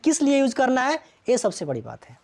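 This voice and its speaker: Lively woman teaching a grammar class. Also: sits high, brisk. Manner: asks students constant check questions. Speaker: English teacher.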